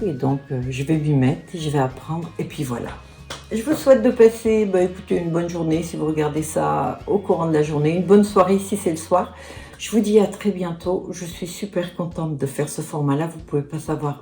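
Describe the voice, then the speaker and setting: A lowish, mellow voice belongs to this chatty beauty vlogger in her sixties. Running through a makeup tutorial and product review, she keeps adding little asides and leans on "hein" and "voilà".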